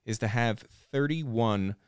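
A man hosting a podcast in a studio, chatting casually, relaxed and rambling with lots of fillers and restarts. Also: medium pitch, slow pace, clean tone, dry recording. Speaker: podcast host. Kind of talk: casual chat.

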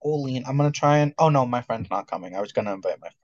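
A man co-hosting a podcast in casual chat, with quick, playful banter. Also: mid-range voice, lively intonation, dry recording. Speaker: podcast co-host. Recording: dull lo-fi audio.

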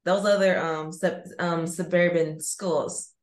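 A woman's voice: lowish voice, steady tone, slow pace. A woman chatting casually as a podcast co-host from a hotel room, teasing and repeating phrases for emphasis. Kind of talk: casual chat. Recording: roomy echo of a hotel room.

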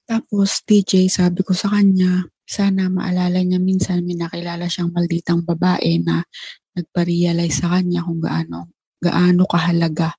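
A woman casually telling a personal story, retelling conversations with frequent "I said" tags and halting restarts. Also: on the low side, completely flat delivery, vocal fry, dark tone, slightly rough, no room sound. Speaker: storyteller recounting a personal experience.

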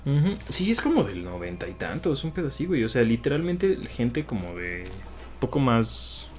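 A man's voice: medium pitch, sing-song, moderate pace. A young man with a Mexican accent, co-hosting a podcast in casual chat, slangy and swearing freely. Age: young adult. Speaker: podcast co-host.

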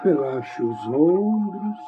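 A man leads a guided meditation in a soothing manner, leaving long pauses between phrases. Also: a little high, sing-song, narrow, tinny audio. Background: relaxation music.

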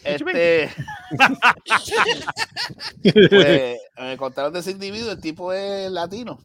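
A man's voice: high voice, takes it slowly. A man in casual chat, telling stories animatedly and acting out quoted voices. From Puerto Rico. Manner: animated storytelling with acted-out quotes.

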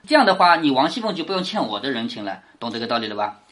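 Lively, animated storytelling lecturer. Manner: keeps asking rhetorical check questions, dropping low and soft on them; animated storyteller, quick to rephrase in everyday words. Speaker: teacher explaining a classic novel. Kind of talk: casual explanatory lecture.

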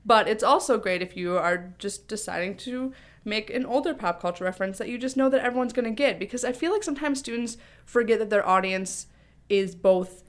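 A woman's voice: medium pitch, a little fast. A woman speech coach co-hosting a podcast, chatting in an upbeat way with many fillers. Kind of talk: casual podcast chat.

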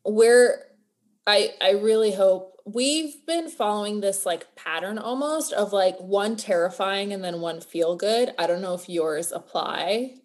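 A woman's voice: medium pitch, measured pace. A woman hosting a podcast in casual, playful chat with a guest. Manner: playful, chatty. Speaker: podcast host.

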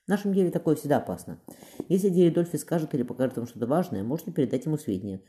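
A shrewd spymaster who hands out careful, measured advice, as a man reads him. The voice is dark, and the reading is brisk. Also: a little high, expressive, pitched above the performer's own voice, close to an everyday voice. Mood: calm. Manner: measured, instructive. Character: calm, shrewd male spy master, advising.

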